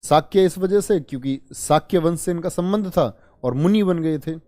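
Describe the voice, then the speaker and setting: A male teacher leads an online exam-prep history lesson with a somewhat high, mellow voice. He repeats each term and keeps quizzing his students, calling them children. The sound is dry and close, with no room echo. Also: moderate pace. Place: online class.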